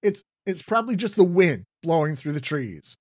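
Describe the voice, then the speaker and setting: A man's voice: a little high, big pitch swings, normal speed, no echo, clean studio sound, pitched above the performer's own voice. A man voicing a young hero who stammers while bluffing courage. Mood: doubtful. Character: brave kid hero, shaky but defiant.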